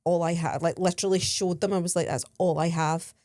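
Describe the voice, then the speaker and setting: A woman's voice: fairly low pitch, a little fast, no room sound, clean studio sound. Chatty woman telling stories. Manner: chatty, animated, laughs while telling stories. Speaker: podcast co-host. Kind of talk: casual storytelling chat.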